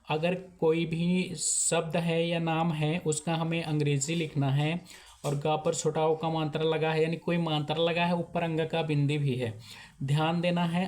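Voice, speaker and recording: A man's voice: fairly high pitch, darkish tone. A man with a slightly raised voice teaches a lesson on writing names. He explains patiently, one step at a time, and repeats each point as he works through the examples. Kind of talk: explaining spelling at a whiteboard.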